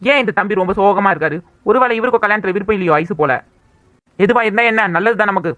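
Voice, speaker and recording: Cartoon busybody, a young village woman, quick and scolding, played by a woman. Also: mid-range voice, fairly bright tone, no room sound, close to an everyday voice. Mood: welcoming. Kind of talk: cartoon voice acting.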